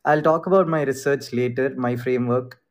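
A casual man with an Indian accent hosts an online group call on crypto investing, speaking informally and mixing Hindi phrases into his English. His mid-range voice is steady in tone and a little fast.

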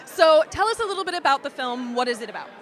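A woman's voice: sits high, big pitch swings, fast, some chatter behind. A woman hosting red carpet interviews in an upbeat, enthusiastic way.

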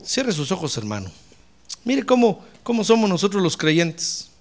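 A man preaching a lively sermon as a pastor, acting out church members in comic voices. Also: high voice, moderate pace.

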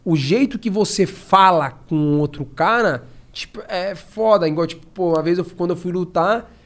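A man, a podcast guest telling stories in a slangy, animated way. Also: high-pitched, moderate pace. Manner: slangy and animated, acts out his own past shouts. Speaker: podcast guest, professional fighter. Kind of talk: casual storytelling.

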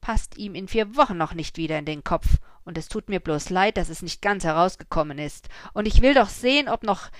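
A woman voicing an indignant peasant father who shouts his complaint in a storybook reading. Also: lowish voice, expressive, brisk, hardly any pauses, no room sound, clean studio sound, lightly acted. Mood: furious. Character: angry peasant father, middle-aged man, loud.

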